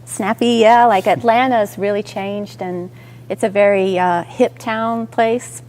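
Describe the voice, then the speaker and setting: Woman from Georgia, guest musician, very slow speech, pauses, faint background noise. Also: medium pitch, steady tone, a little mellow. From Georgia, United States. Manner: slow and thoughtful, many pauses. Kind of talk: interview answers.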